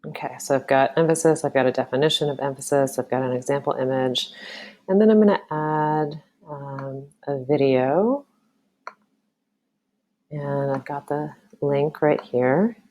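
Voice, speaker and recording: A woman teacher walking through a software tutorial, talking casually and thinking aloud with frequent ums. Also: very deep voice, measured pace. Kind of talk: screen-recorded software tutorial.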